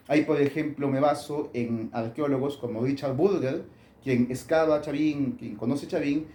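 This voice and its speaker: A man's voice: medium pitch, dark tone, echoey room, a little hiss or hum. A man, an author answering interview questions in a thoughtful way with many fillers and restarts.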